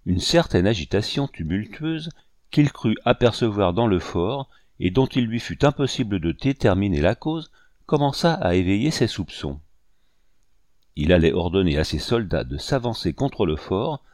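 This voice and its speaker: A man reading a historical novel aloud in measured, even narration. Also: on the low side, no echo, clean studio sound. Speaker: audiobook reader. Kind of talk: scripted narration.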